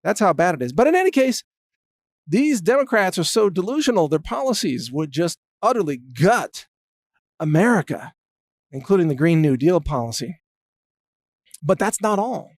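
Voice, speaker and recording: A male host delivers a sarcastic political monologue with a fairly high voice. His sound is close and dry, with no room around it. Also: sing-song, normal speed, long pauses, no room sound. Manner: sarcastic, mocking.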